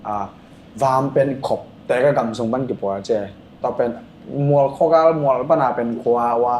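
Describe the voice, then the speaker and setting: A man's voice: mid-range voice, normal speed, a little mellow. A man chatting casually as a podcast guest, telling rambling stories with lots of filler sounds. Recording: echoey room with faint ambient noise.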